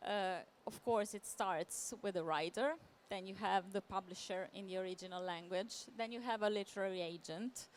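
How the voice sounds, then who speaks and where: At a live book fair event, a woman literary translator speaks on a panel, giving a semi-improvised presentation. Her mid-range voice is halting, and she often repeats words while searching for phrasing. Background noise is clearly audible.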